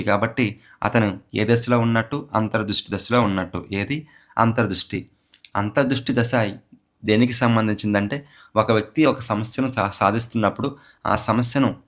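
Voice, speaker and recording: A man's voice: medium pitch, a bit bright. A man teaching psychology for a teacher exam, asking a question and then answering it himself, and repeating key terms to drive them home. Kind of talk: exam question walkthrough lecture.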